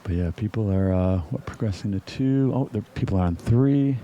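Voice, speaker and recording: A man's voice: lowish voice, moderate pace, warm tone, muffled recording, a little hiss or hum. A man hosting a live stream, chatting casually and rambling with fillers. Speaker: host and venue owner.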